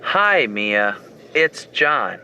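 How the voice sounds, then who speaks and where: A man's voice: medium pitch, big pitch swings, drawn-out words, heavy background noise. An actor voicing a young man calling to cancel plans because he feels sick, in a careful textbook-audio delivery. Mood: apologetic.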